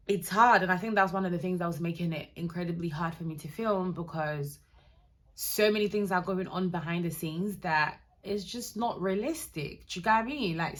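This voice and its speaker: A young woman from Ghana with a mixed American, Ghanaian and London accent, chatting candidly to camera in a rambling, casual way. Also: lowish voice. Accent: mix of American, Ghanaian and London. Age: young adult. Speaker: vlogger.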